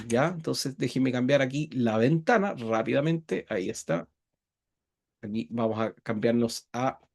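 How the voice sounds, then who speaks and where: Guy teaching a bible class online, kinda high voice, keeps checking everyone's following. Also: darkish tone. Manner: patient explaining, checks in with frequent tag questions. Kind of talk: online Bible lesson with screen sharing.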